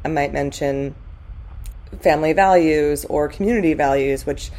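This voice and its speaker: A woman's voice: low-pitched, moderate pace, warm tone. A middle-aged woman from California chatting candidly on a podcast, reflective, with many fillers. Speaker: guest. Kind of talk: casual podcast conversation.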